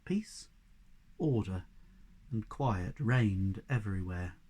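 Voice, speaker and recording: A man, a primary school teacher, reading a children's storybook aloud in an expressive way. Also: fairly low pitch, slow, slightly rough.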